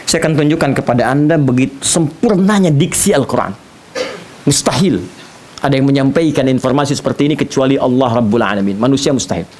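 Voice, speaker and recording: A man preaching an animated sermon lecture, using playful asides for the audience. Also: medium pitch, fairly quick. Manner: animated, playful imitations of foreign speakers. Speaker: Islamic preacher. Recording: faint hiss.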